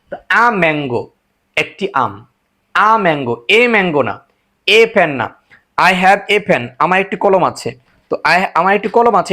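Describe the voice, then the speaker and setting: A man teaching a spoken English lesson, a Bengali speaker who repeats example sentences slowly and translates each one. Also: a little high, fairly bright tone.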